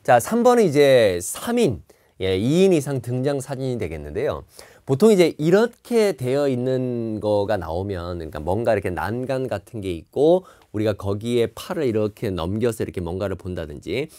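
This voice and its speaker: A man's voice: mid-range voice, big pitch swings, moderate pace, dark tone. A man teaching TOEIC listening in an online lecture, explaining each answer and repeating key words.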